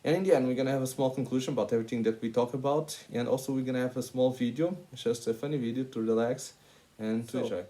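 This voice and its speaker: This hospitality master's student from Portugal is in his twenties and speaks with a Portuguese accent. Talking to camera, he stumbles through his presentation with many fillers, his medium-pitched voice carrying a dark tone.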